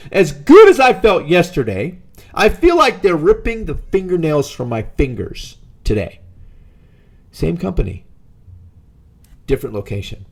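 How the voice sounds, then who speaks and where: A man from the United States telling a long, exasperated story in a casual vlog, acting out the people he talked to. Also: fairly high pitch. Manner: exasperated storytelling, quoting others in dialogue. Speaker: vlogger. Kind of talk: casual monologue.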